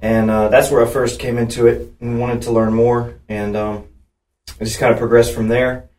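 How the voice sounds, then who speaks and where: A man from Charlotte, North Carolina who plays drums, speaking hesitantly and softly in a casual interview. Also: mid-range voice, little pitch movement, normal speed. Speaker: band drummer. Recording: roomy and distant.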